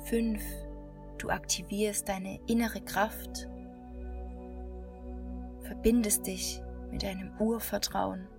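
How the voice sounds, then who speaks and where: A woman guiding a meditation in a slow, calm, soothing hypnotist-like manner, with long pauses between short phrases. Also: mid-range voice, gravelly. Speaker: meditation guide. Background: new-age music.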